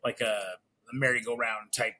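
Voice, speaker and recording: A man who works as an illustrator, chatting as a podcast guest and telling stories about old cartoons with growing excitement. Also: mid-range voice, measured pace. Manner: animated storyteller, gets excited.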